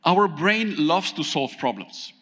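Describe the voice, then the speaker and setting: A Thai man with a fairly high voice delivers a conference keynote on stage with animated energy. He pauses often to ask the audience questions, and his voice rings through a large hall with long, lingering reverb.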